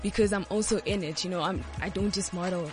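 A woman's voice: on the low side, fast, darkish tone, soft background music. A young woman from Johannesburg with a South African accent, answering interview questions in a radio studio, bubbly and full of fillers. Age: young adult. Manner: bubbly, many "yes" and "like" fillers. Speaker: studio guest, student and model.

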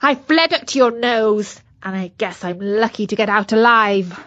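A woman's voice: medium pitch, moderate pace, fairly bright tone, dry recording, lo-fi sound, close to an everyday voice. A woman voicing a mean, boastful little male virus who talks like a pirate.

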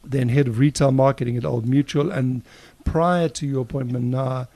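A jovial man in his sixties, co-hosting a podcast in an energetic, chatty presenter manner. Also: mid-range voice, normal speed, vocal fry, no room sound. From South Africa. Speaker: podcast co-host. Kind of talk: casual podcast chat.

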